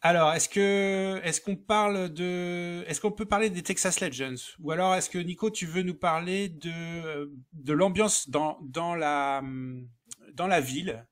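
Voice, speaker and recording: A man's voice: high voice, measured pace. A man co-hosting a podcast, steering the casual conversation and putting questions to the others. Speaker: podcast co-host.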